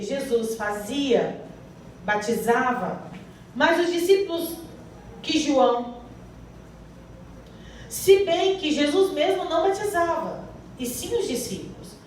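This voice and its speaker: A woman with a high, slightly mellow voice and a Brazilian Portuguese accent preaches a sermon in a church hall, reading scripture and quizzing the congregation with questions that prompt answers. The far-off mic captures a very echoey hall with faint hiss.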